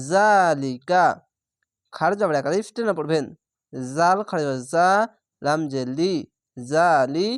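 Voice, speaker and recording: A man teaching Quran reading who spells out each letter and vowel mark before slowly reciting the whole word. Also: on the high side, dry recording, clean studio sound. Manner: draws out recited words slowly.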